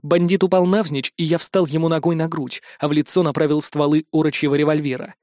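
A man narrating a fantasy adventure in first person, brisk and wry. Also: on the high side, steady tone, darkish tone, dry recording, studio quality. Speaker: audiobook narrator.

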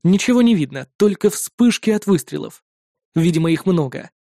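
A woman narrating a first-person story in an audiobook with an even storytelling delivery. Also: lowish voice, moderate pace, no echo, studio quality. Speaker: audiobook reader.

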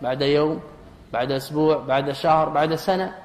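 A man's voice: on the high side, fairly even intonation, fairly quick, slight background noise. A man gives a grammar lesson in a slightly raised voice. He poses questions to the class and answers them himself, and he repeats his key phrases. The recording is roomy, with a long hall reverb trailing each phrase. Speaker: teacher of Arabic grammar. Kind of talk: classroom lecture.

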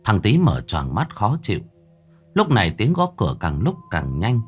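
A man narrating a horror story in a dramatic, suspenseful manner, slowing down for tense moments. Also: lowish voice, wildly swooping pitch. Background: soft background music.

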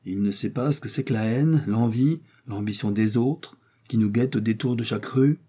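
A man's voice: lowish voice, moderate pace, warm tone, slightly rough. A man voicing a middle-aged aristocratic father who pleads emotionally, in a raised voice. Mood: wistful.

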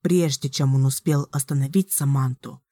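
Low-voiced woman reading an audiobook. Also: steady tone, moderate pace, dark tone, no room sound, studio quality. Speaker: audiobook narrator. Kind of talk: scripted narration.

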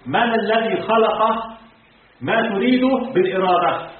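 A male sheikh with a high voice teaches a creed lesson to a class at a brisk lecturing pace, putting questions to his students and slipping into colloquial asides. He slows down deliberately when reciting the text. The mic is far off and phone-thin, with heavy echo from the hall.

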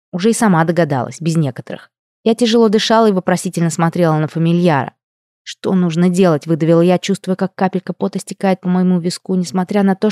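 A woman reading a first-person audiobook with expressive, emotional storytelling. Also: fairly low pitch, dry recording, clean studio sound. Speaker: audiobook narrator. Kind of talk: scripted first-person narration.

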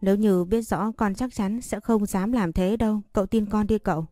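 A woman's voice: medium pitch, steady tone, moderate pace, mellow, no echo, clean studio sound, faint music behind, close to an everyday voice. A woman reading a storybook voicing a frightened teenage servant girl who stammers and pleads. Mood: pleading.

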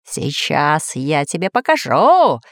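A woman voicing a hot-tempered red-bearded pirate in a storybook reading, talking in a gruff, growling way. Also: a bass voice, unhurried, no room sound, studio quality, voice pushed down, heavily acted. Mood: angry.

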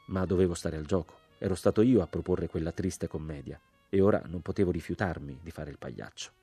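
A man reading a literary novel aloud, with measured, sober storytelling. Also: low-pitched, dark tone, husky, no room sound. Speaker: audiobook reader. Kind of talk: literary audiobook narration.

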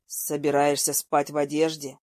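A woman putting on a low drawly young guy, teasing and blunt, dry close sound. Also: monotone, normal speed, a little mellow, no echo, close to an everyday voice.

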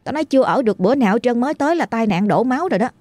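A woman's voice: on the high side, expressive, very fast, darkish tone, no echo. A woman doing a blunt, uneasy young friend. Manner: blunt, worried.

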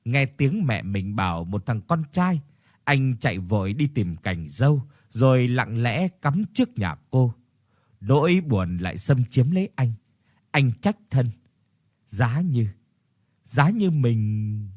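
A man narrating a ghost story in a slow, expressive storytelling manner. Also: medium pitch, no echo, clean studio sound.

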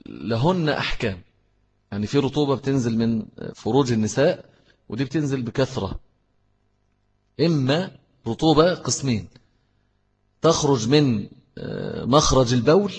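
Breathy Egyptian man teaching in an echoing hall. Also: medium pitch, a little mellow. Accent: Egyptian Arabic. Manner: explains step by step, repeating key phrases. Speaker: Islamic teacher. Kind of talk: religious lesson with answers to questions.

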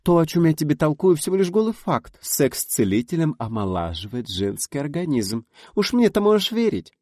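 A man's voice: sing-song, normal speed, darkish tone, dry recording, clean studio sound. A man voicing a confident woman scientist who teases and confides in her friend in an audiobook. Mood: confiding. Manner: teasing, knowing, lowered confiding tone.

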